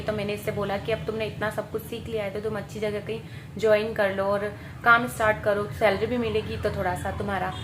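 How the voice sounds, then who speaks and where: A young woman, vlogging in a casual, animated way at her workplace, coaxing and teasing a colleague. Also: mid-range voice. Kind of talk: casual vlog chat. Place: workplace room among staff. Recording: echoey room, faint ambient noise.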